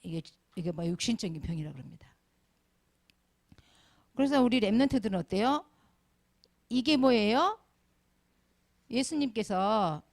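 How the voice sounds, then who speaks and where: A woman leads a children's sermon, quizzing the kids again and again as she goes. Her voice sits a little high and swings widely in pitch. A gravelly fry runs under her words. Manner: asks the children constant questions, animated. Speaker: Sunday school preacher.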